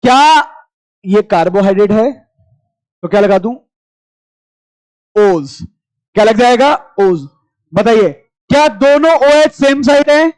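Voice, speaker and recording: A man's voice: sits high, darkish tone, smooth, no echo, rough recording. A man teaching chemistry to a class, firing short questions and repeating them as he goes. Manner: quizzing students with rapid repeated questions; familiar, addresses class as brother. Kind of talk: classroom lecture.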